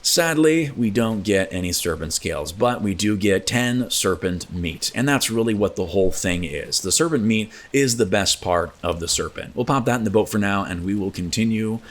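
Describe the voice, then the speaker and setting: A man's voice: lowish voice, animated, moderate pace, hardly any pauses. A man giving casual, chatty commentary over his own gameplay, laughing often at his mishaps. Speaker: gaming video host.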